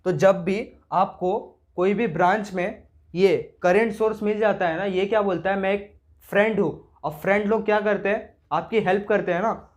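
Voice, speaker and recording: Man, high voice, engineering teacher, casual step-by-step explaining. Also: fairly even intonation, normal speed. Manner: casual Hindi-English mix, talks through each step, asks himself questions. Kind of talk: explaining circuit problems on a board.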